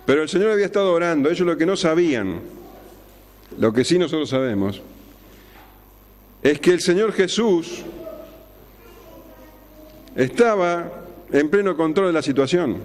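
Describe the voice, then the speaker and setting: A man preaching an expository sermon, slowing down and dropping low on key words for drama. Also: expressive, a little mellow. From Argentina. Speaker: pastor. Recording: long hall reverb.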